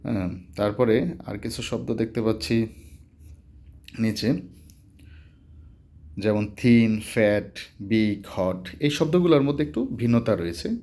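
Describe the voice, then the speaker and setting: A man teaching English grammar in Bengali, going through examples slowly and repeating each word form step by step. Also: on the low side, darkish tone. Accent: Bangladeshi Bengali. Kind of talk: explaining a lesson step by step.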